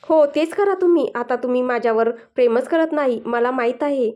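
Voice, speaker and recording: A woman's voice: high-pitched, normal speed, mellow, close to an everyday voice. A woman voicing a moody, tearful pregnant young wife in a read-aloud story. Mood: tearful, sulky. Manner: sulky, whiny. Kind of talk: storybook dialogue reading.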